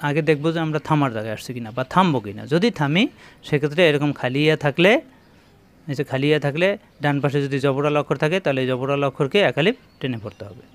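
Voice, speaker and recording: A man with a slightly raised voice leads a Quran reading lesson. He drags out each syllable and says the sounds again and again. He turns to his viewers with plain instructions. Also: fairly high pitch. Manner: slow, drawn-out demonstration of letter sounds, repeating syllables; addresses viewers directly with instructions. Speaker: Quran recitation teacher.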